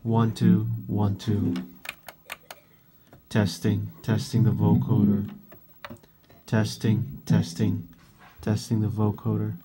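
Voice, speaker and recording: In this synth demo, a musician runs a vocoder voice, robotic and of unclear sex, through repeated mic-check phrases. The delivery is medium-pitched, totally flat, slow and full of long pauses. The background is noisy, with a synthesizer keyboard playing and synth tones over the voice.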